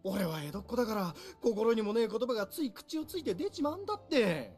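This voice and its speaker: A brash, cheery young samurai captain for a visual novel game. His voice is high and swings widely as he teases and blusters in rough slang, very fast, over music. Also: sing-song, darkish tone. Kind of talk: Japanese visual novel voice acting.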